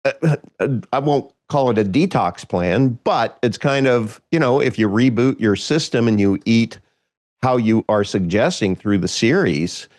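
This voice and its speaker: A man from Kansas hosts a relaxed podcast conversation. He rambles, restarts his sentences and chuckles as he goes. His voice is mid-pitched and dry, with no room around it. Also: unhurried, no echo. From Kansas, United States. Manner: rambling, self-interrupting, chuckles often. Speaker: podcast host. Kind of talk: casual conversation.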